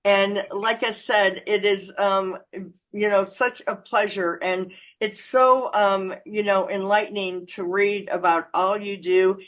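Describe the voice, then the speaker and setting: An American woman hosts a casual interview, chatty and effusive, full of fillers and laughter. Her mid-range voice is steady, slow, and fairly bright.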